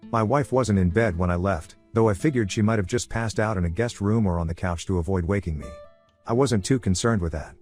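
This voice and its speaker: A man narrates a scripted personal story in the first person. His voice sits a little low, and he moves along at a brisk pace. Soft music plays behind him.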